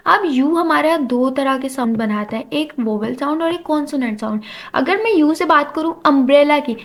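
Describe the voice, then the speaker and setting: A woman's voice: sits high, normal speed. A woman teaching a grammar lecture, explaining step by step and mixing English terms into her talk. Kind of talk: classroom lecture.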